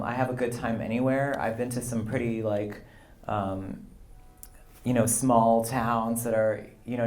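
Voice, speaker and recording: A man in his fifties, a poet being interviewed, talking in a relaxed, rambling way with frequent "you know" and light laughs. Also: mid-range voice. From Canada and the U.S. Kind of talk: conversational interview. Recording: roomy live event sound.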